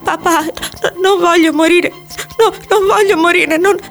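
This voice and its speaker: A woman's voice: very high voice, fairly even intonation, a little slow, fairly bright tone, faint music behind, voice pushed up, full character voice. A woman doing a sobbing, panicked young man. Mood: sobbing terror. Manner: stammering, sobbing pleas.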